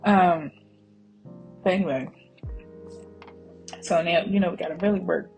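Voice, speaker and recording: A woman's voice: fairly low pitch, measured pace, gravelly, a little mellow, rough recording. A woman narrating her own cooking video as a casual voice-over, chatty and rambling, often drifting into side stories and talking straight to her viewers. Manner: laughs easily, addresses viewers as y'all. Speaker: home cooking vlogger. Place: voice-over added to kitchen footage. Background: background music.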